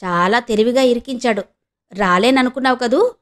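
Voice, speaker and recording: Bold, scheming young heroine, voiced by a woman narrator, sharp-tongued and taunting. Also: fairly high pitch, moderate pace, lightly acted.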